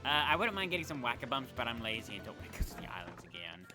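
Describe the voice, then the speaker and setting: A let's play gamer with a mid-range voice races along, very animated, casually commentating his gameplay. He rambles chattily and often corrects himself mid-sentence while game music plays behind him.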